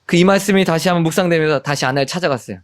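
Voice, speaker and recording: A man's voice: a little high, very fast, a little hiss or hum. A man in his forties, a missionary pastor, preaching a sermon and acting out quarrels and apologies in quoted lines. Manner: animated, acts out family quarrels in quoted lines.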